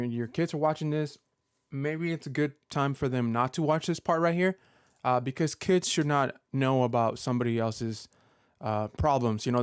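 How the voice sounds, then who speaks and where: In a halting personal vlog update full of fillers and restarts, a Pokemon creator in his thirties speaks straight to viewers. His voice is smooth, resonant and somewhat dark at an ordinary pitch, miked closely in a dry recording with no room sound.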